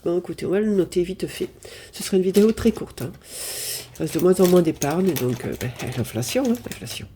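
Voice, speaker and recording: Sitting in her apartment with a cold-stuffed nose, a southern French budget vlogger goes over her budget in a relaxed diary chat, puzzling through the figures aloud and apologizing often. She has a low, dark voice, with a little hiss or hum in the recording.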